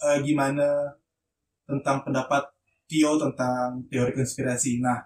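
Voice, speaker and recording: A man, co-hosting a casual podcast in a relaxed, chatty way. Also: medium pitch, a little slow. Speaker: podcast co-host. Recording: roomy, distant mic, faint hiss.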